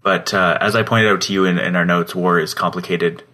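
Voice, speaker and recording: Very low-voiced Canadian man, bright tone. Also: steady tone, fairly quick. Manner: laid-back and laughing, searching for words. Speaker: podcast co-host. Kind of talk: casual podcast chat.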